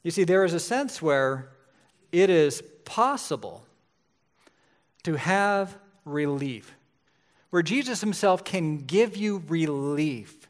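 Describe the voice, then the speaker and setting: Forties guy preaching a sermon, kinda high voice, chatty, always asking right?. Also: animated, slow. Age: 40s. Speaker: pastor.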